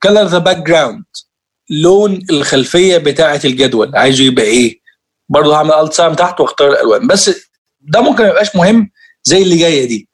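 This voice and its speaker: A man's voice: a little high, expressive, fast talker, breathy edge. A man with an Egyptian Arabic accent teaching a computer lesson, explaining each step and addressing his students directly. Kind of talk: screen-share tutorial lesson.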